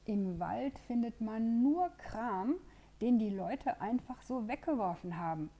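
A woman's voice: a little high, lively intonation, warm tone, pitched above the performer's own voice. A woman voicing a bossy little female swallow in a storybook read-aloud, drawing out her complaints. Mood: complaining. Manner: complaining, slow and emphatic.

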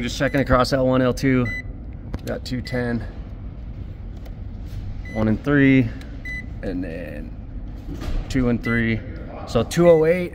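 A man working as a refrigeration technician, explaining each step plainly as he works and swearing often, recorded on a head-mounted camera on a rooftop at night and in equipment rooms. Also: a little high. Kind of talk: casual work narration.

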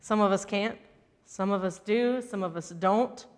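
A woman leading a children's message in a church sanctuary, gently asking the children questions. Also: mid-range voice, a little slow. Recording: long church reverb.

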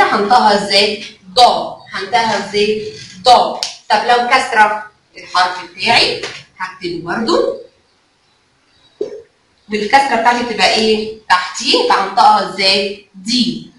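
A woman's voice: mid-range voice, fairly bright tone. A woman with an Egyptian Arabic accent teaching a kindergarten phonics lesson, asking questions and answering them herself in a coaxing way, drawing out the letter sounds. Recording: very echoey room, mic far off, faint noise.

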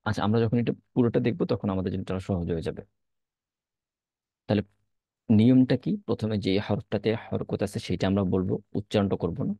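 A man's voice: fairly low pitch, quick pace, creaky, warm tone, dry recording. A man teaching an Arabic reading lesson, patiently explaining and repeating letter-by-letter drills.

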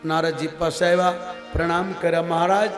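A man's voice: high-pitched, normal speed. A man giving a devotional scripture discourse, storytelling and acting out the dialogue. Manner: storytelling, acts out dialogue, chuckles often. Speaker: katha preacher. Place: large religious gathering hall. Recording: echoing hall with loud music.

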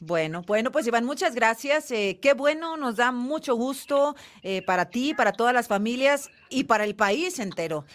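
A woman's voice: fairly high pitch, animated, moderate pace, hardly any pauses. A woman news anchor, interviewing a guest by phone and reacting with empathetic interjections. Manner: warm, empathetic, sympathetic interjections.

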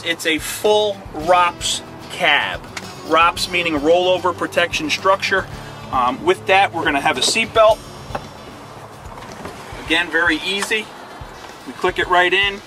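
A middle-aged man, an equipment dealer salesman, giving a plain product walkthrough with fillers, outdoors on a lot and then inside a tractor cab. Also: high voice.

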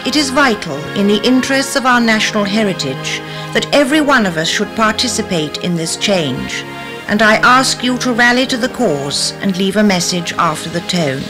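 A woman's voice: medium pitch, expressive, moderate pace, music in the background, close to an everyday voice. A woman playing a stately, regal figure who addresses the nation in a formal, clipped voice.

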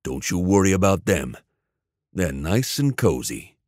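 A male narrator voicing a cool, menacing male ex-soldier who speaks slowly and evenly. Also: dry recording, clean studio sound, heavily acted. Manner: low, slow, calm, menacing.

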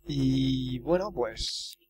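A man's voice: mid-range voice, extremely slow, darkish tone, slight background noise. A man giving chatty let's play commentary and reading out game actions. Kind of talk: casual gameplay commentary.

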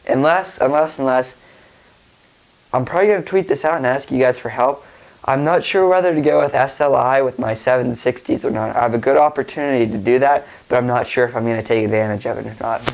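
A man's voice: medium pitch, fairly quick, gravelly, poor audio. A young man with a stuffy nose from a cold, rambling casually through a tech vlog with lots of fillers and restarts. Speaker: tech vlogger.

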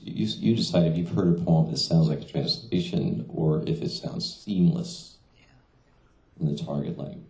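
A middle-aged man who works as a translator is heard at a reading in a small venue, talking casually and frequently restarting or filling pauses. His pitch is extremely low and his tone warm. He's seated at a stand mic, and the room is echoey.

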